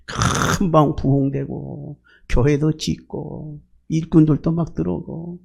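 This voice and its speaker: A man's voice: on the high side, vocal fry, darkish tone. An older man, a senior pastor, preaching a sermon with rhetorical questions and acted-out pleas to God.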